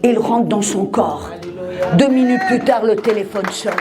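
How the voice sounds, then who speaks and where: A woman preacher telling a testimony in a sermon, dramatic, dropping to a hush and rising to shouts. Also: medium pitch, a little slow, heavy background noise. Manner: dramatic storytelling, swings from hushed to shouting.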